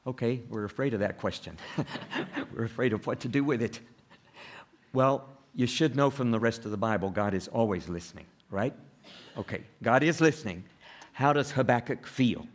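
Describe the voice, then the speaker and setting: A man preaching a sermon, asking the listeners rhetorical questions, rising loud on quoted laments and falling soft and low in between, with small chuckles. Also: moderate pace.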